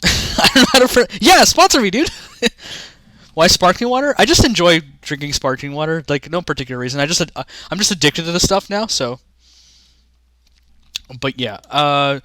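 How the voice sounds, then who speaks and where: A man's voice: on the high side, pushed and bright, no room sound, clean studio sound. A young man rambling casually to his chat during a livestream, often restarting sentences. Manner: rambling, chatty, talks to chat. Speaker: streamer.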